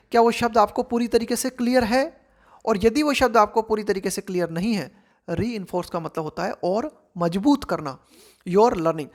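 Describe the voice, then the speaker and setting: Woman teacher, reads english lines slow then explains in hindi, chatty with learners. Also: medium pitch. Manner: conversational, addresses learners directly. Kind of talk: explaining a book line by line.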